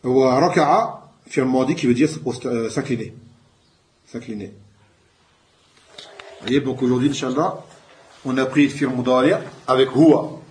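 Guy teaching a class, says each word loud then explains it slow, mid pitch. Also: slight background noise. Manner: explains slowly, switches between French and Arabic words; calls out each new word louder before explaining it. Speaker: Arabic teacher. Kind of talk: classroom lesson.

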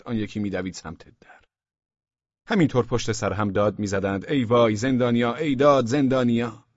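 A man narrating a humorous story as an audiobook, in a warm, measured way with soft half-whispered passages. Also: low-pitched, breathy edge, no echo. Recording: dull lo-fi dry audiobook recording.

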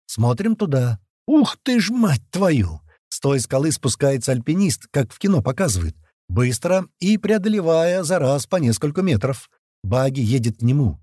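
A man narrating a first-person action audiobook, acting out the crew's shouted lines as he reads. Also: mid-range voice, normal speed, no room sound, studio quality. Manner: lively, voices the gang's shouts in character.

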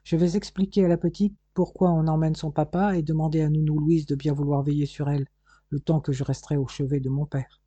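An earnest, anxious young son speaks in an audiobook, read by a man. The tone is dark and husky. The sound is dry and close-miked. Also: a little high, level tone, brisk, no room sound.

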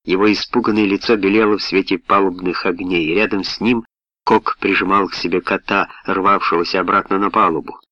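A man narrating a story in the first person, in a steady, measured reading voice. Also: low-pitched, no echo. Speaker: audiobook narrator. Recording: dull, dry lo-fi recording.

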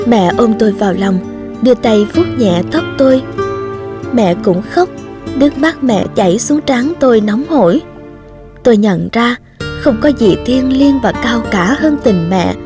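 Woman, audiobook narration, calm, gentle, slightly high voice, soft music behind. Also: measured pace.

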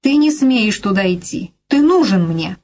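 A woman's voice: mid-range voice, lively intonation, measured pace, a little mellow, a little hiss or hum, lightly acted. A woman voicing a frightened young woman who pleads and begs her lover not to go. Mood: desperate. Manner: desperate, pleading, tearful.

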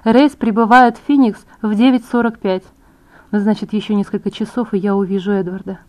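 A practical young woman who speaks in a brisk, matter-of-fact way, voiced by a woman reading an audiobook. The voice stays close to the reader's own. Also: mid-range voice, fairly even intonation, a little mellow, close to an everyday voice.

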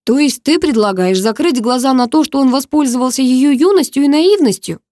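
A woman's voice: high voice, animated, brisk, darkish tone, dry recording, studio quality, voice pushed up. A woman voicing a furious, protective father in a novel reading, with indignant outbursts.

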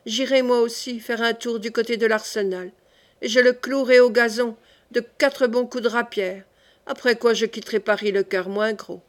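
Woman voicing a young male captain, loyal, soldierly, resolute, slightly high voice. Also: natural voice. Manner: resolute, speaks of vengeance like a soldier. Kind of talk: audiobook character reading.

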